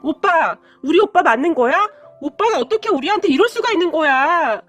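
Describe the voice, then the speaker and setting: A woman voicing a hysterical young sister-in-law who speaks in a shrill, indignant way. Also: expressive, a little fast, pushed and bright, soft background music. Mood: pleading.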